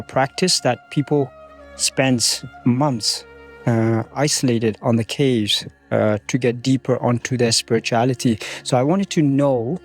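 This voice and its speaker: A man from Nepal, a podcast listener asking an earnest question with frequent hesitations. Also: mid-range voice.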